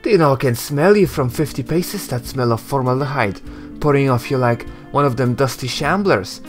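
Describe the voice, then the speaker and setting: A man voicing a sharp-tongued young tiefling woman in a game, mocking and teasing as he reads her lines. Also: mid-range voice, normal speed, faint music behind, natural voice.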